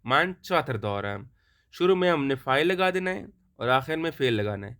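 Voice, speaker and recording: A man teaching a Farsi lesson, reading sentences slowly for pronunciation and explaining them quickly. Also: on the high side, expressive, fairly bright tone, clean tone. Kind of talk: language lesson explained in Urdu.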